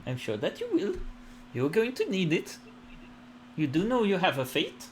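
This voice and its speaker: A man voicing a gracious, gentle earth and fertility goddess in a tabletop role-play, speaking in formal, questioning phrases. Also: high voice, wildly swooping pitch, moderate pace, a little hiss or hum, pitched above the performer's own voice. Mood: knowing, insistent.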